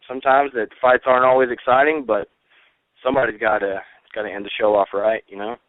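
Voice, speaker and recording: A man in his late twenties talking casually and earnestly in an interview as a fighter and coach, haltingly, repeating words and often saying "you know". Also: lowish voice, no echo. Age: 20s. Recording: thin, phone-like radio or phone line.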